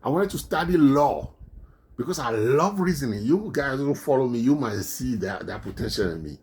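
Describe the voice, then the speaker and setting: A man's voice: mid-range voice, lively intonation, moderate pace, darkish tone, slightly rough. A man with a non-native accent in English, giving indignant political commentary on his own vlog and repeating his points. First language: not English.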